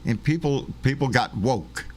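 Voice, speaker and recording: A man's voice: mid-range voice, unhurried, darkish tone. A man in his late sixties chatting casually, folksy and agreeable, with chuckling asides. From born in Cuba, raised in the United States. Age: 60s. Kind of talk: casual political chat.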